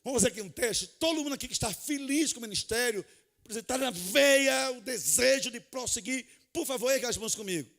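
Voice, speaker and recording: A man preaching to a conference of pastors, animated and humorous, dropping to soft, low asides and then rising to loud, shouted calls. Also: fast, gravelly. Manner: animated, humorous, plays out little scenes. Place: large conference hall.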